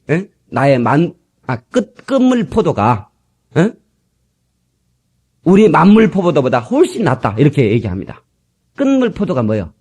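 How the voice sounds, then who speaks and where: A middle-aged man preaching a sermon in a lively storytelling manner, acting out quarrels, from an old cassette tape. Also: mid-range voice, breathy edge. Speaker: pastor.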